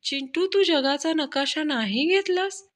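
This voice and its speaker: A woman's voice: high-pitched, lively intonation, unhurried, voice pushed up. A woman reading as a stern village schoolmaster. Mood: quizzing. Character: stern male village schoolteacher quizzing pupils.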